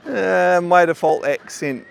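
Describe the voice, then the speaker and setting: Slow and high-pitched with vocal fry, this man teaches qigong and speaks with a mild New Zealand accent. Addressing the camera casually, he's thoughtful and rambling, frequently stammering over restarts and fillers, with slight background noise in the recording.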